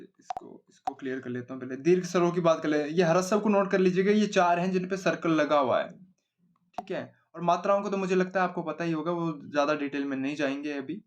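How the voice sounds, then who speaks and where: A man's voice: fairly high pitch, fairly quick, a little hiss or hum. A male grammar teacher giving an exam-oriented lesson at a board, explaining simply and often asking and answering his own questions. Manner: explains simply, repeats questions and answers them himself, asks 'है ना?' often.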